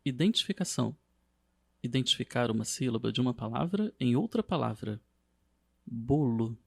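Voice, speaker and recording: A man narrating a scripted lesson as a teacher, in a steady, measured reading. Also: mid-range voice, gravelly.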